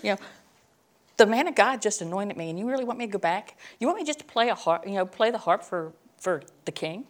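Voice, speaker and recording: A woman's voice: mid-range voice, animated, fairly quick, natural voice. A woman putting on a whiny indignant young shepherd. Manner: whiny complaining.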